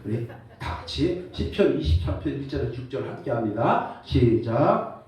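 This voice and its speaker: A man preaching as pastor, lively and joking, calling for responses from the congregation. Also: mid-range voice, moderate pace, a crowd in the background. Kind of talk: sermon. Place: church sanctuary. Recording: echoey church hall, voice from far off.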